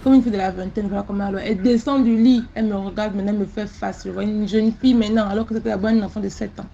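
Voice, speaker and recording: This woman speaks very fast in a mid-range voice with vocal fry, animatedly sharing her own mystical story with repetition and sound words. The recording is slightly dull, with slight background noise.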